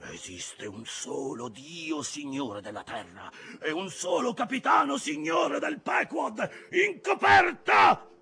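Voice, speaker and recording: Imperious old sea captain, wildly swooping voice. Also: male voice, low voice, animated, slow, husky, full character voice. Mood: bellowing. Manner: theatrical, sudden bellowing commands, menacing hushed asides. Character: imperious, obsessed old whaling captain, fierce and brooding. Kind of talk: dramatised audiobook reading of a classic sea novel.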